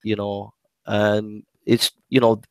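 A man's voice: on the low side, flat delivery, slow pace, clean tone, no echo. A man in a casual debate who talks hesitantly, stumbling over restarts and repeating his words.

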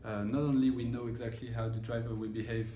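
A male audio engineer in his thirties talks fast through a measurement process, informal and hesitant, reaching for words. His voice is medium-pitched and warm, though his delivery is flat. He's recorded in a listening room with loudspeakers, with roomy echo and room noise behind him.

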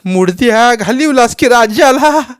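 A man voicing an enraged village mother who shouts harsh scolding at her son, in a storybook reading. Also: a little high, measured pace, pitched above the performer's own voice, lightly acted. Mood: furious.

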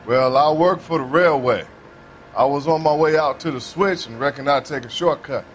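Male actor as folksy, defensive 1940s American railroad man, fairly high voice, faint outdoor noise. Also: moderate pace, natural voice. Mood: plain, wary. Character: wary working-class 1940s railway worker. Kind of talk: naturalistic game acting. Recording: noisy outdoor ambience.

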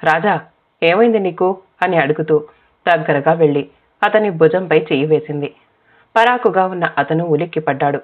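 A woman's voice: low-pitched, normal speed. Woman narrating a story over tinny audio. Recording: tinny phone-like sound.

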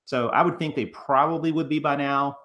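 A man's voice: on the high side, steady tone, a little fast, a bit bright. Thirties male co-host, casual and rambling, restarts often, recorded on a home webcam. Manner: rambling, many fillers and restarts. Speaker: co-host of a reselling channel. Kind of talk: casual chat over photos. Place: living room, on a couch.

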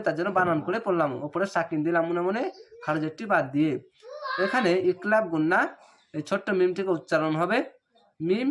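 A man's voice: high voice, fairly bright tone, slight background noise. Man chanting syllables in a recitation lesson. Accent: Bangladeshi Bengali. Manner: spells out syllables slowly, then chants the words. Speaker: Quran reading teacher.

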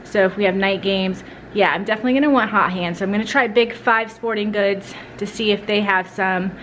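A woman's voice: mid-range voice, steady tone, brisk, fairly bright tone, a little hiss or hum. A woman in her thirties chatting casually to the camera for a family vlog, rambling with fillers while running errands. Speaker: family vlogger.

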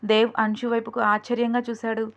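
Woman storyteller reading a love story, flat steady voice, kinda muffled lo-fi audio. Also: fairly high pitch, fairly quick. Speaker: storyteller and writer. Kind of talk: narrating a romance story.

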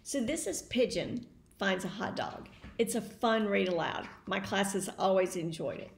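In her home kitchen and dining room, a middle-aged woman who teaches offers instructional read-aloud tips to a camera placed at table distance. She speaks unhurriedly in a creaky, mid-range voice, and the recording carries a roomy echo with faint background noise.

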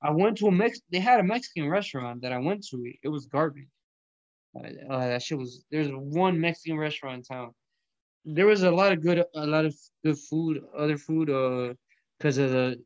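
A man's voice: a little high, a little mellow, dry recording, dull audio. Laid-back young man from Colombia, profane slang. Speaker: host of an online audio room. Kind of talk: casual chat about math. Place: small indoor room.

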